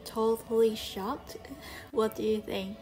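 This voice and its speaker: A woman's voice: fairly high pitch, level tone, slow pace. A young woman from Korea, chatting casually through a vlog with lots of fillers. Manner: chatty, loose with fillers like "like" and "you know". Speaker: vlogger. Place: bright home studio, indoors, then voice-over. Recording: talk over loud background music.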